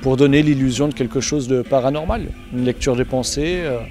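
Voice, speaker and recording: A man's voice: mid-range voice, a little fast, darkish tone. Male mentalist explaining, over faint music. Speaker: mentalist magician. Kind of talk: explanatory interview.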